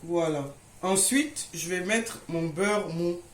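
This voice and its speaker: A woman's voice: fairly low pitch, takes it slowly. A woman hosting a casual home baking tutorial, chatting to viewers like friends and checking that they follow along. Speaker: home baking video host. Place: indoors in a home kitchen. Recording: echoey room with faint noise.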